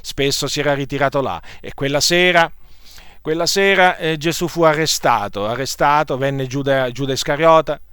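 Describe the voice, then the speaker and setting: A man's voice: fairly high pitch, moderate pace, pushed and bright, clear, resonant tone, no room sound, studio quality. A man preaching a sermon, earnestly retelling a scripture story and repeating phrases for emphasis.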